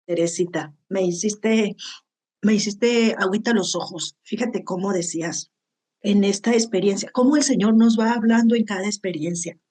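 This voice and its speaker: Woman, Bible teacher, heartfelt group teaching, mid pitch. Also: moderate pace, warm tone. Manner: heartfelt, tags lines with "¿verdad?".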